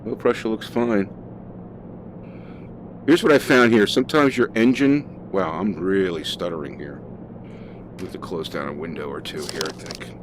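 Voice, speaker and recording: A man's voice: low-pitched, normal speed, background noise. A man casually talking through a flight simulator session, thinking aloud with fillers as he flies. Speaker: flight sim streamer. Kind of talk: casual gameplay commentary.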